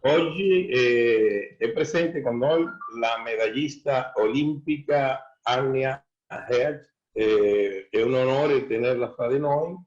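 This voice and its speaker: Man, medium pitch, co-presenter, halting announcement, dull lo-fi recording. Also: darkish tone. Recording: dull, lo-fi sound.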